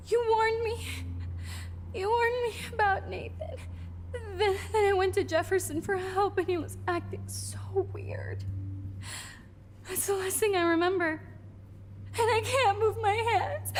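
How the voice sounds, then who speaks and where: A very high-voiced teenage girl, a final girl in a game drama. She pleads slowly and helplessly, tearful with terror, in a long reverb over a noisy hum. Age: young adult. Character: drugged, panicking eighteen-year-old girl held captive, pleading. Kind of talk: dramatic video game acting.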